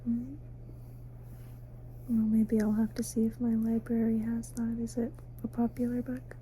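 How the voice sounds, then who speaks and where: A woman giving a soft, sleepy, casual ASMR ramble, mostly in a breathy whisper, unhurried and intimate as if talking to the listener. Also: on the high side, monotone, a little hiss or hum, poor audio. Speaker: ASMR host. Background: faint night ambience, crickets outside.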